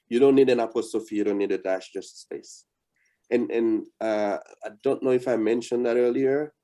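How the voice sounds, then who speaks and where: A man's voice: mid-range voice, dark tone. A middle-aged man from Haiti with a Haitian accent, teaching a beginner Creole lesson over a video call and patiently repeating key points as he explains. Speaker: Creole language teacher and author. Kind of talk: online beginner language lesson.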